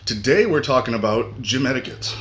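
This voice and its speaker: A man co-hosting a gym podcast in casual chat, joking in a deadpan way. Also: medium pitch, brisk. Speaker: podcast co-host. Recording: echoey room, faint background noise.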